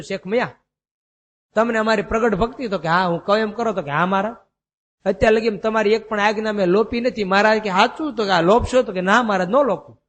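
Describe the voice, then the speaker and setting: A man preaching a devotional sermon, chanting verses slowly and telling stories in a folksy way. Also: high voice, fairly bright tone. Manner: chants verses slowly, then explains in a folksy storytelling manner. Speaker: swami preacher. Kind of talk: Gujarati devotional sermon with storytelling. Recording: long hall reverb.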